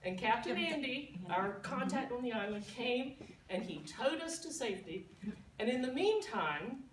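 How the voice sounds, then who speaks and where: A woman telling a lively, laughing story as a party guest giving a toast. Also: a little high, moderate pace, background noise. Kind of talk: storytelling speech. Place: party room. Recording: echoey room, distant mic.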